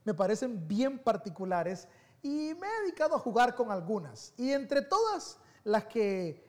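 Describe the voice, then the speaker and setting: High-voiced man preaching a lively sermon. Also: a little slow. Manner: animated, conversational storytelling with shifts between soft and loud. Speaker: pastor.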